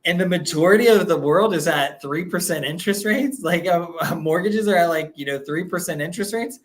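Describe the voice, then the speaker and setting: A man's voice: high-pitched, fairly quick. A man co-hosting a real estate podcast, thinking aloud in casual chat and filling his sentences with "like.". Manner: thinks aloud, heavy use of "like".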